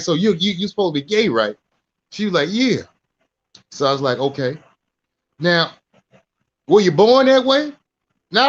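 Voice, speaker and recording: A man's voice: medium pitch, a bit bright. A man, co-hosting a podcast, telling a story and preaching a little. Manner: storytelling, preachy, keeps saying "you know what I'm saying". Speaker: podcast co-host. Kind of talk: casual opinion talk. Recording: dull lo-fi sound.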